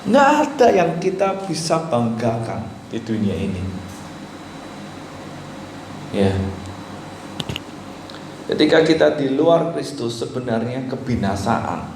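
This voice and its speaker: A male pastor preaching an animated sermon, swinging between loud and hushed, now and then mimicking pleading voices. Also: medium pitch, slow, creaky, pauses often. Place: church hall. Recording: very echoey church with faint background noise.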